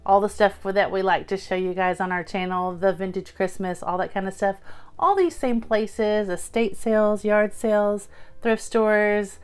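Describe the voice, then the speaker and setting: This thrift haul vlogger, a middle-aged woman, lays out her secondhand finds on a tabletop indoors and talks about them in a casual, upbeat way with lots of fillers. Her mid-range voice is smooth and moves at a moderate pace.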